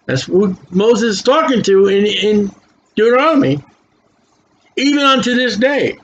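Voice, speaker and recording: In a high, animated voice, an older man reads Bible verses slowly and fills the gaps with emphatic, folksy commentary. The recording is muffled and lo-fi with faint noise, and his dentures make his s sounds whistle.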